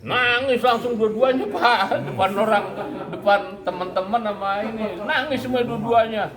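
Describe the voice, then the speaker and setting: A man's voice: high-pitched, normal speed, reverberant, crowd noise. A man, an Islamic preacher telling a story in casual talk and acting out the voices of the people in it.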